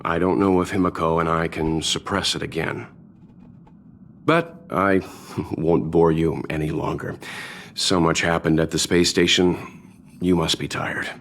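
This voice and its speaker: A man voicing a calm, older-sounding game character who speaks in a measured, reassuring way. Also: sits low, a little hiss or hum. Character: calm, older-sounding male doctor-like passenger.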